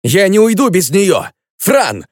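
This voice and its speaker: A man's voice: high voice, animated, quick pace, no echo, clean studio sound, voice pushed up. A man voicing a desperate young man in an audiobook, pleading plaintively.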